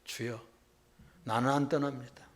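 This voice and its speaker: A man's voice: medium pitch, fairly even intonation, a little slow, natural voice. A male pastor voicing a grieving mother who pleads desperately with a prophet, in an emotional retelling within a sermon. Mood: insistent.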